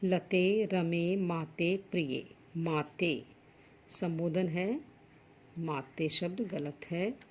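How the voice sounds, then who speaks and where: A woman's voice: fairly low pitch, extremely slow, a little mellow, slight background noise. A woman teaching Sanskrit to school students, working through textbook exercises. She reads each Sanskrit word and then explains it plainly in Hindi.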